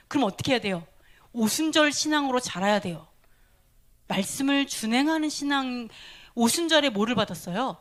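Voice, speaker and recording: High-voiced woman preaching, drops to whispers. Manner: asks the listeners questions, then drops to a breathy whisper; laughs often between phrases. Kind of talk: sermon.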